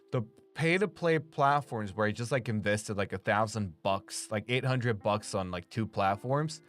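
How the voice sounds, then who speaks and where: A young Romanian man with a slight accent talks casually to his stream viewers in a mid-range, fairly bright voice. A streamer and voice actor, he rambles, says "like" constantly and swears freely.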